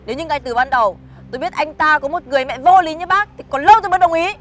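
A woman's voice: high-pitched, very fast, a little hiss or hum, close to an everyday voice. A young actress playing a blunt, defiant young woman who answers back firmly and coldly. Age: young adult. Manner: blunt, cold, firm retorts.

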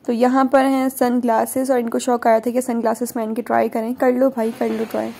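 A woman's voice: on the high side, level tone, a little fast, gravelly, warm tone. A young woman from Pakistan chatting casually through her shopping vlog, with joking asides. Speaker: vlogger. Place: large supermarket, indoors.

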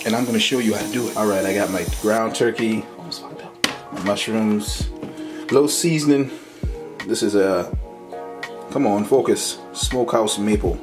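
Speaking on the low side at normal speed, with long pauses and music behind him, a young fitness vlogger casually walks through his meal prep at home. His slangy, relaxed cooking vlog is picked up by a handheld camera mic in the kitchen.

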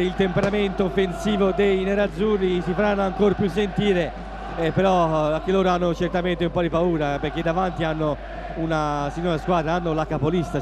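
A man giving live football analysis as co-commentator from a noisy stadium. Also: high-pitched. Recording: noisy stadium broadcast with crowd. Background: stadium crowd noise.

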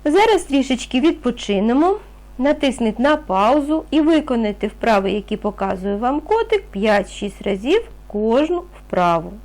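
Woman, primary teacher, reading lesson, slow and patient, high and sing-song, encouraging. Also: very animated, a little mellow. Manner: slow, patient, encouraging, asks questions and answers them herself. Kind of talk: reading lesson for young children.

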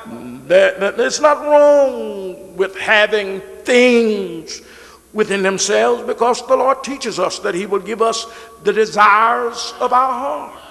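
A middle-aged pastor preaches a sermon from behind the pulpit of a large church sanctuary, his high, gravelly, fairly bright voice moving at a slow, animated pace through the big hall. He stretches and repeats words and calls on the congregation to answer him.

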